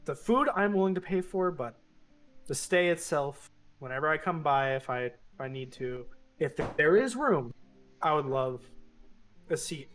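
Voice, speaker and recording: A man improvising as a tabletop game player, speaking casually in polite, halting phrases. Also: a little high, lively intonation, fairly bright tone, soft background music. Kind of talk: casual improvised role-play.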